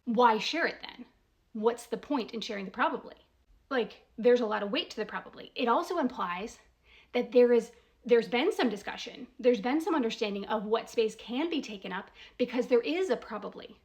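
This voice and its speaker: A woman's expressive, higher-pitched voice proceeds at a moderate pace as she plays commentator, breaking down a voicemail. Her casual analysis unfolds step by step with emphasis, peppered with probing rhetorical questions and frequent "right?" check-ins.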